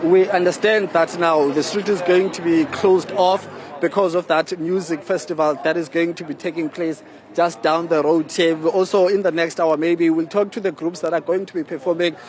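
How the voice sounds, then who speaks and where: A man's voice: fairly high pitch, fairly even intonation, moderate pace, darkish tone. A South African man giving a conversational, wordy live news report from the street. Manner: conversational, wordy, frequent "you know". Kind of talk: live on-location report and interview. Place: outdoors on a city street. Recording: outdoor street, faint traffic noise.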